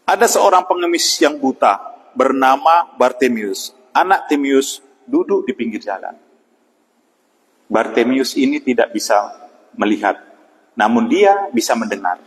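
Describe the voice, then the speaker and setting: A man's voice: medium pitch, lively intonation. Man preaching an evening devotional, reverberant. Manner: unhurried, with frequent "ya" and pauses. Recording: long hall reverb.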